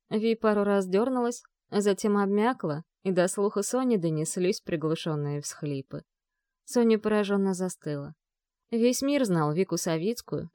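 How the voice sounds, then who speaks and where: A woman narrating a novel with a measured, expressive reading. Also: medium pitch, dry recording, clean studio sound. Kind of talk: audiobook narration.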